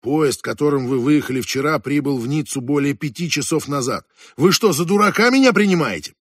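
A gruff middle-aged inspector, read by a man, barks short, impatient demands. His voice is husky and a little high for a man. The sound is dry and close, as in a studio audiobook. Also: animated, brisk, no echo. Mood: irritated. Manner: brusque, impatient, calls the other fool. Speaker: police inspector.

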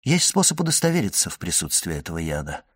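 A man reading aloud as a solemn, grim middle-aged physician who speaks in a measured, hushed way. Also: deep voice, wildly swooping pitch, husky, voice pushed down, full character voice. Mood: grave. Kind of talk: audiobook reading.

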